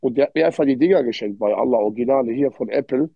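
On a phone livestream from a hotel room, a male host speaks German with an Arabic-influenced accent in casual street slang, dropping in frequent Arabic interjections and repeating words. His medium-pitched voice races along with vocal fry and a breathy edge. The phone is held close with no headphones, there's no room sound, and the audio is dull and lo-fi.

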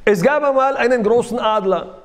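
A rabbi telling a parable to an audience, asking listeners questions and adding sound effects. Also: male voice, extremely high pitch, moderate pace.

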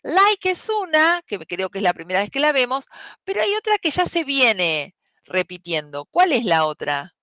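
A woman's voice: sits high, sing-song, normal speed, pushed and bright, no room sound. A woman teacher, patiently explaining an English lesson step by step and often checking in with "¿sí?". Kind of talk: online class explanation.

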